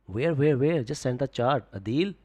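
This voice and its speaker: With a mid-range voice at normal speed, a young man chats casually during a forex trading live stream. He coaches viewers, reads their comments, and relies heavily on the filler "just, like" in a relaxed tone.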